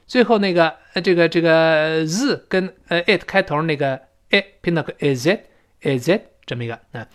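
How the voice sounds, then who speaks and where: A man teaching English to Chinese learners in a lively spoken-English lesson, often acting out little scenes in a raised voice. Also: a little high, normal speed.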